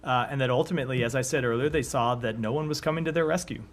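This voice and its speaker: A hoarse man speaking as a government spokesperson at a press briefing, measured and given to restarts. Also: medium pitch, a little hiss or hum. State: hoarse, coughing. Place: briefing room.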